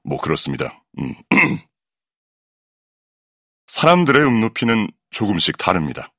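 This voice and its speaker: Male voice actor for a factual audiobook: deep and very dry, with a lively melody across the line. Clear, measured explanatory read, close-miked. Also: no room sound. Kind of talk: scripted educational narration.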